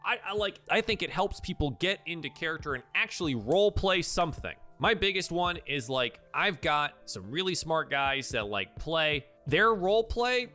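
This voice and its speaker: Over soft background music, a man with a rather high, sing-song voice speaks at normal speed with few pauses, sounding bright and forceful. As a professional dungeon master hosting a casual livestream, he gives advice emphatically and repeats himself for emphasis.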